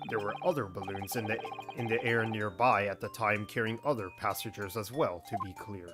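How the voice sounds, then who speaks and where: A man voicing a stern male court official in a low, growly, measured and formal voice. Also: steady tone, music in the background, natural voice. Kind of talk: game dialogue read-along.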